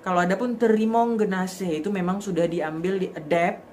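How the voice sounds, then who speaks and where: A woman's voice: mid-range voice, fairly even intonation, a little fast, darkish tone, slight background noise. A woman from Aceh, casually explaining and demonstrating how words are pronounced, thinking aloud as she goes. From Aceh, Indonesia. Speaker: vlogger.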